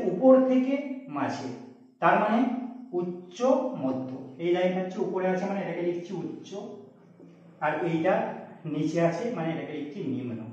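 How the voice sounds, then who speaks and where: High-voiced male teacher in an echoey room. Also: darkish tone. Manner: explains step by step, often asks "okay?" to check students follow. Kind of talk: blackboard grammar lesson. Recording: echoey room, distant mic, dull sound.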